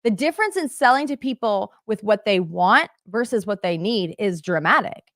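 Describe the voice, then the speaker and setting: A woman coaching an online workshop in an energetic, conversational way, often saying "like" and "right?". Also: mid-range voice, moderate pace, dry recording, studio quality. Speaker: business coach. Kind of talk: motivational workshop talk.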